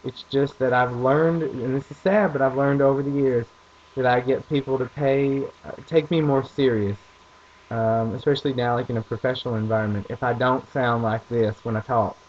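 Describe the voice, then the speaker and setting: A man's voice: mid-range voice, steady tone, moderate pace, darkish tone, highs cut off, a little hiss or hum. A young man with a rural American accent, telling rambling self-deprecating stories in a casual vlog. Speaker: vlogger.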